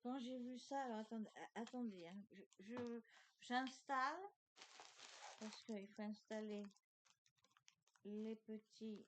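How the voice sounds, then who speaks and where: A woman's voice: a little high, takes it slowly, long pauses, a little hiss or hum. A woman hosting a craft channel, chatting hesitantly to her viewers as she unpacks gifts at home. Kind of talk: casual unboxing chat.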